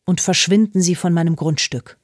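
A woman's voice: fairly low pitch, normal speed, no echo, studio quality, close to an everyday voice. A woman voicing a stern grown woman who gives firm, angry orders in an audiobook. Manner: firm, commanding, trembling with anger. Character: stern adult woman homeowner, commanding. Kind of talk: audiobook character voice.

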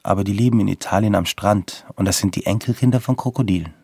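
Playful curious young woman, man reading her in a husky voice, dry close sound. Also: lowish voice, quick pace, warm tone, dry recording. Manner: quoted lightly in the narrator's own voice.

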